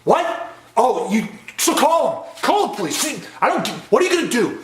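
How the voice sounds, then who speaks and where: A man role-playing an angry client who shouts, repeats himself and turns confrontational. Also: very high voice, very animated, moderate pace, roomy sound, noisy background, pitched above the performer's own voice. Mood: furious. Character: angry frustrated man escalating toward crisis.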